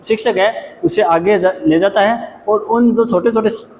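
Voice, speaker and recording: A man's voice: high-pitched, a little slow, darkish tone. A man teaching a special education class, explaining each point and then repeating it, often checking in with "okay". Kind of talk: classroom lecture. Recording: echoey room with faint noise.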